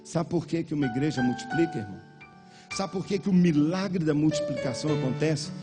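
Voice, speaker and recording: A man's voice: fairly high pitch, expressive, fairly quick. A Brazilian man preaching as a pastor at a conference, acting out dialogues with passion. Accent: Brazilian Portuguese. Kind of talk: sermon. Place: church conference hall. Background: music.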